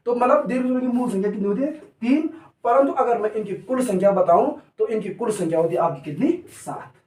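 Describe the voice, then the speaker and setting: A man's voice: sits high, a little fast, darkish tone, recorded from a distance. A male teacher giving a classroom lecture, asking questions and answering them himself, drilling the point. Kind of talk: classroom lecture with call-and-response. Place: coaching classroom. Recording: echoey room, voice off-mic.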